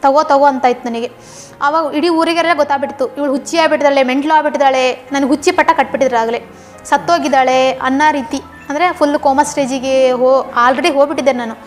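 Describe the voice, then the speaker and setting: A woman's voice: high voice, fairly even intonation, soft background music. A young woman giving a personal testimony in an interview, telling her story earnestly and repeating herself for emphasis. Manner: fast, earnest storytelling with repetitions.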